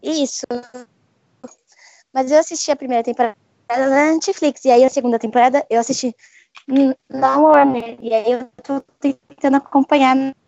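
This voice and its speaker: Brief: high-voiced woman, chatty podcast co-host, call audio glitching and breaking up, dull lo-fi line. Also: steady tone, normal speed, creaky, a little mellow, no room sound. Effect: glitching, cutting-out audio from a bad connection. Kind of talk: casual group chat over a call. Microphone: remote call line.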